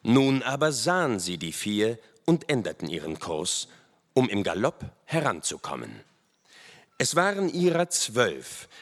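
A man reading an adventure story aloud as the narrator, expressive and storytelling. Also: medium pitch. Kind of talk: audiobook narration. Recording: long hall reverb.

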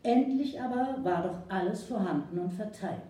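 A woman reading a story aloud in a lively, expressive narration, recorded far from the mic in an echoey room. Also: medium pitch, moderate pace. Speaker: audiobook reader. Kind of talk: scripted narration.

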